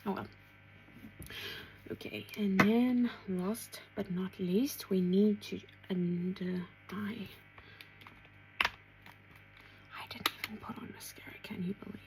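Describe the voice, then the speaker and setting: A woman chatting casually through a makeup tutorial, talking to herself as she works and dropping into soft asides. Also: mid-range voice, fairly even intonation, slow pace, long pauses, very noisy. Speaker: beauty vlogger.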